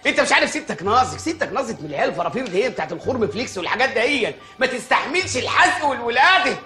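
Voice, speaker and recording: Ranting Egyptian village mayor. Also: male voice, very high voice, big pitch swings, pushed and bright, soft background music, exaggerated voice. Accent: Egyptian Arabic. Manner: rapid, exasperated comic ranting. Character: blustering, excitable middle-aged village mayor. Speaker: village mayor in a comedy series. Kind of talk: TV comedy series acting.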